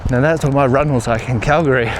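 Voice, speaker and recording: A man's voice: medium pitch, quick pace. A man with a New Zealand accent chats casually to his vlog while running, speaking in short, broken phrases. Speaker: running vlogger. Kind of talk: casual rambling vlog chat. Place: outdoors on a run through a mountain town. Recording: outdoor street noise, wind and traffic.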